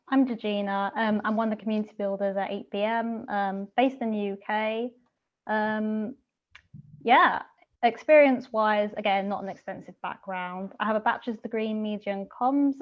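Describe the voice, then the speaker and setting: A woman's voice: mid-range voice, muffled recording. A woman community builder introduces herself on a video call, friendly and casual.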